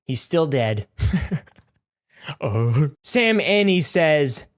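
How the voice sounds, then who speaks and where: A man's voice: on the high side, sing-song, drawn-out words. A nineteen-year-old man reading viewer comments aloud in a casual vlog. He is goofy and self-mocking, swears, and often breaks into mock outrage. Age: late teens.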